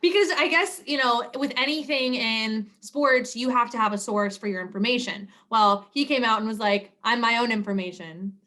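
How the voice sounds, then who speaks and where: A woman's voice: fairly high pitch, moderate pace, few pauses, bright, forceful tone. A young woman co-hosting a casual sports podcast, playful and teasing in her banter. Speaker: podcast co-host.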